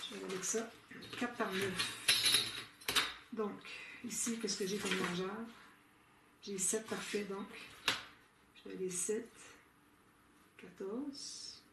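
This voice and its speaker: This Québécois-accented woman from Quebec, Canada, talks slowly at a medium pitch, pausing often, her voice distant and off-mic in a roomy room full of loud background noise. Running a relaxed scrapbooking tutorial, she's chatty, thinks out loud, and sprinkles in frequent "euh" fillers and little laughs.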